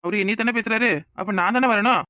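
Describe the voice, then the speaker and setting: Cartoon role: prickly jobless young man, Kanyakumari Tamil accent, quick and bright, a man voicing him. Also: high voice, dry recording, studio quality. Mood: defiant. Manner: defiant, indignant. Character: idle young village man, touchy, defiant.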